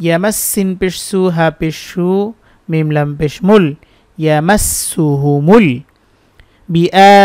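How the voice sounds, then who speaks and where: A man with a Bangladeshi Bengali accent teaching Quran reading, spelling each word letter by letter and then chanting the verses slowly. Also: on the high side, darkish tone, smooth, dry recording, studio quality. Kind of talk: spelled-out Quran recitation lesson.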